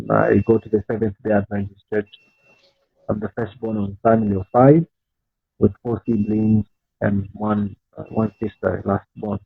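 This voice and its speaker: A young man from Zambia talks through a thin, phone-like call line that sounds dry and close. His voice sits a little low, and he speaks unhurriedly, with plenty of fillers and restarts. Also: creaky, husky, no room sound. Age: 20s. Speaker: guest entrepreneur. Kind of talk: casual interview talk.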